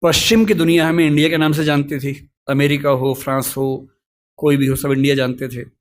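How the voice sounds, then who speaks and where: Measured middle-aged Hindi-speaking lecturer, man. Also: fairly high pitch. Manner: calm, reasoned, storytelling asides. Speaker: lecturer answering student questions. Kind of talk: measured explanatory lecture talk. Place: college lecture hall.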